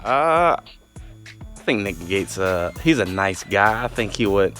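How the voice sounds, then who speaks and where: Laid-back low-voiced radio co-host. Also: male voice, sing-song, measured pace, fairly bright tone, soft background music. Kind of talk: casual sports radio chat.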